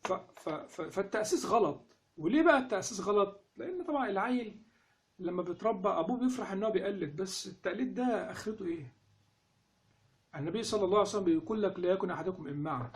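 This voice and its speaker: A man with an Egyptian accent gives an informal lesson. His voice sits high, and he talks at a rapid clip. He keeps the talk moving with rhetorical questions. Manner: animated, asks rhetorical questions. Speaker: instructor on Quran recitation. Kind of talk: casual spoken lesson.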